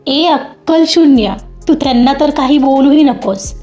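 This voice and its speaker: A woman's voice: sits high, a little slow, mellow. A woman voicing a proud young woman who scolds sharply, in a storybook reading. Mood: angry. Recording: dull lo-fi with faint music.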